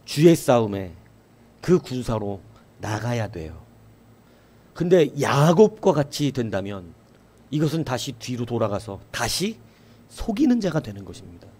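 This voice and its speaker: A man's voice: medium pitch, big pitch swings, a little slow, pauses often, darkish tone, breathy edge. A male pastor preaching a sermon. He often asks the congregation a question and then answers it himself. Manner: acts out quoted voices in a raised voice.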